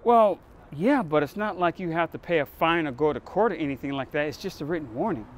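A middle-aged police captain played by a male actor in a screen drama. His voice sits a little high for a man, and he speaks with dry, measured authority. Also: expressive, a little hiss or hum, close to an everyday voice. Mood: calm authority. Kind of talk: acted drama dialogue. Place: outdoor parking lot.

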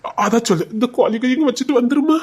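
A woman's voice: fairly high pitch, quick pace, very noisy, lightly acted. A woman voicing a young village man in love who sulks, pleads and puts on crying fits. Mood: whiny. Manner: whiny, pleading, mock-crying. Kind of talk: village romance drama acting.

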